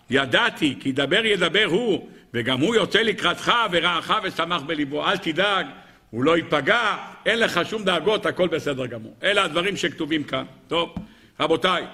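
A man giving an animated Torah lecture to an audience, acting out quoted dialogue and asking rhetorical questions. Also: a little high.

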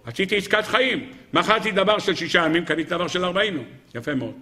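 A man giving a Talmudic sermon, telling stories dramatically, swinging between loud exclamations and hushed low passages and acting out the rabbis' dialogue. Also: expressive. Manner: addresses audience as "gentlemen", acts out rabbis' dialogue. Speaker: rabbi lecturer.

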